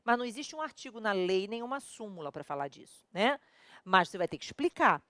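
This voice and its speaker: Animated Brazilian woman teaching law. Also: mid-range voice, fairly quick, no echo, studio quality. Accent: Brazilian Portuguese. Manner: lively, colloquial, full of rhetorical questions to students; addresses viewers directly and familiarly. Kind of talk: recorded video lesson.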